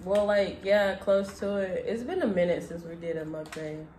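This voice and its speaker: A woman's voice: medium pitch, normal speed, dark tone. A young woman chatting casually as a mukbang co-host, chewing while she talks. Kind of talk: casual chat while eating. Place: indoor room at a table. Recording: echoey room, light background noise.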